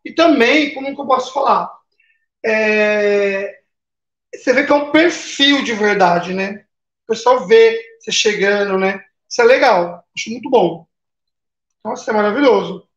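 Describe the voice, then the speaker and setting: A man's voice: high-pitched, measured pace, a bit bright. A man with a Brazilian accent hosting a casual baking live stream, chatting and greeting viewers by name, with lots of tag questions. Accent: Brazilian Portuguese. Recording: roomy, slightly dull live-stream audio.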